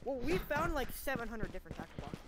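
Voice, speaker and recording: A woman's voice: fairly high pitch, very animated, fast. A woman chatting casually over a headset while playing a VR shooter, blunt and crude in her jokes. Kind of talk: casual gaming chat.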